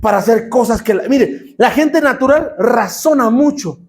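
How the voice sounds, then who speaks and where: A middle-aged man preaching a sermon as pastor, calling for responses and shouting for emphasis. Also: very high voice, expressive, moderate pace.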